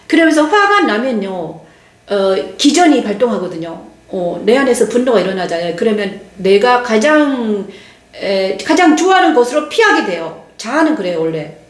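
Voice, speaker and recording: An older woman pastor giving a testimony sermon, speaking slowly and haltingly with many restarts and pauses. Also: medium pitch, big pitch swings. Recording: echoey room.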